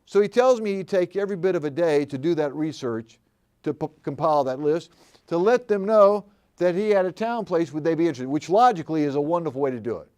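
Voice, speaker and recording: A man's voice: a little high, lively intonation, quick pace, dark tone. Folksy older man teaching a seminar. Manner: folksy, storytelling, asks the room questions. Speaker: commercial real estate trainer. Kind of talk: live seminar talk to an audience.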